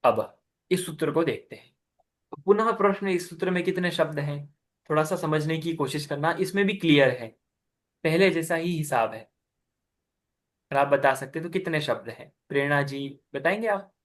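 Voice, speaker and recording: A man's voice: fairly high pitch, normal speed. A man teaching a class, patiently explaining step by step, asking his students questions and praising their answers. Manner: explains step by step, repeating key terms. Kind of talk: online class explaining scripture recitation.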